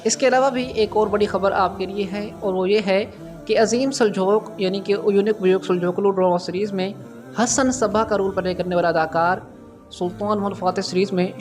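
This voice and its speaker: A man hosting a drama review channel, speaking in a formal commentary style and often addressing his viewers directly with a raised, emphatic voice. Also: high-pitched. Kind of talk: scripted-sounding video commentary.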